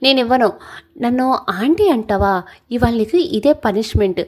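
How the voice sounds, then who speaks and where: A woman voicing a cheeky young woman who teases her best friend, talking loud and playfully indignant. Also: a little high, lively intonation, normal speed. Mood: indignant teasing.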